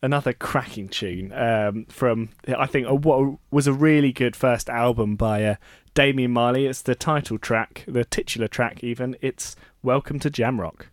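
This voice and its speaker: A man's voice: mid-range voice, moderate pace, no room sound. A man hosting a student sports radio show, chatting casually, laughing often and correcting himself as he goes.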